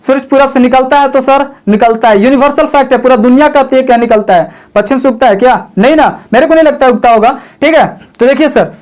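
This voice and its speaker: A man's voice: very high voice, brisk, few pauses, a little mellow. A man giving a spoken grammar lesson, asking himself questions and answering them, repeating each point and addressing the viewer as "sir" in a chatty tone. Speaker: English grammar teacher.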